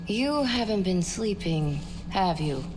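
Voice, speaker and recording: A woman's voice: on the low side, expressive, takes it slowly, noisy background. A woman playing a concerned, exasperated military base aide in a game cutscene, earnest and nagging. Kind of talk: dramatic game cutscene acting. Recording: music behind the voice.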